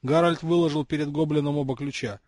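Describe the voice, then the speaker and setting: A man reading a fantasy audiobook aloud, with steady, expressive storytelling. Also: fairly high pitch, quick pace, no room sound. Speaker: audiobook reader. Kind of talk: audiobook narration.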